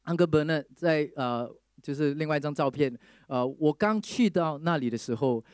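Male preacher, storytelling testimony, slightly high voice, dry close sound, acts out the people in his story. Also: normal speed, no room sound. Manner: lively storyteller who mixes English phrases into Mandarin.

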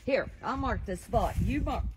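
A woman, the vlogger's mother, talking outdoors in a slow, easygoing way. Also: on the high side, animated, background noise.

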